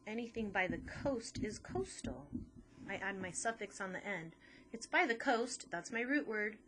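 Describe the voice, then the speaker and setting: A woman's voice: mid-range voice, expressive, normal speed, fairly bright tone, slight background noise. A woman teacher patiently walking through a phonics lesson step by step.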